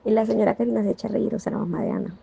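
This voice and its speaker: A woman's voice: a little high, flat delivery, rapid-fire, vocal fry, mellow, highs cut off, a little hiss or hum. A woman casually telling a rambling anecdote, laughing as she goes and restarting her sentences. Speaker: storyteller.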